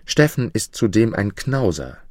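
A man voicing a poor, feisty peasant mother, speaking higher, louder and indignant. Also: very animated, measured pace, no room sound, studio quality. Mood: complaining.

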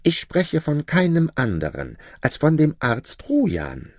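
A man voicing a scheming, envious court vizier who flatters and presses his point insistently, in a storybook reading. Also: a little high, unhurried, no room sound, studio quality, exaggerated voice. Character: scheming envious male vizier, smooth-tongued.

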